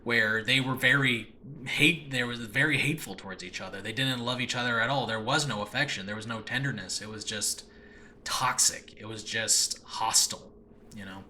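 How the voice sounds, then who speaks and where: Speaking in a sharp, medium-pitched voice at moderate pace, this solo podcast host, who writes and voices audio dramas, rambles enthusiastically and interrupts himself as he improvises. Lacking a proper studio in his new home, he uses a makeshift room where faint background noise is audible.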